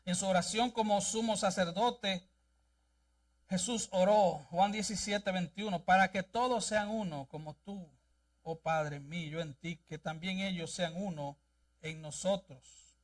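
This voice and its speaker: A man's voice: high voice, measured pace, far from the mic. A male pastor preaching a sermon and reading scripture aloud in a church, with an emphatic delivery. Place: church sanctuary.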